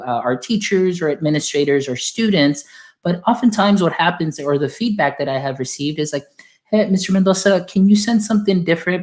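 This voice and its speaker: A man from Texas, working as an instructional software specialist, walking teachers through a browser extension in a friendly, explanatory way. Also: on the high side. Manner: friendly, explanatory, filler-heavy. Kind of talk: software tutorial demo.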